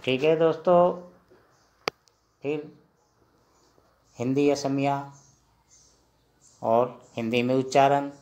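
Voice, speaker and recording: A man teaching the alphabet, speaking slowly and deliberately, repeating each sound and asking it back as a drill. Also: medium pitch, darkish tone. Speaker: language teacher. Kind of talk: slow spoken alphabet lesson.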